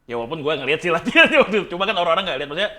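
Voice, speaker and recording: Casting: male interviewer, Indonesian accent, slightly high voice, quick and loose slangy conversational delivery. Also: big pitch swings, sharp tone. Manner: informal slang with mild swearing. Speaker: interviewer, fellow coffee competitor. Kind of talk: casual chat.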